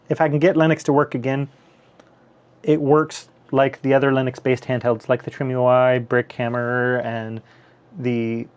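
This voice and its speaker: On a muffled recording, a North American handheld gaming streamer from the US and Canada hosts a casual live stream, chatting over gameplay. His medium-pitched voice is a little mellow, and his talk rambles with frequent fillers and restarts.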